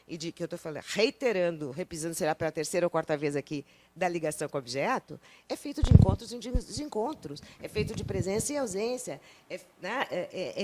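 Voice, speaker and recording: Woman on a panel, thinking out loud, lots of "né" and restarts, mid pitch. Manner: associative, rambling, many fillers and restarts. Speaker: psychoanalyst panelist. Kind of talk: academic panel talk. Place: lecture hall at a panel event.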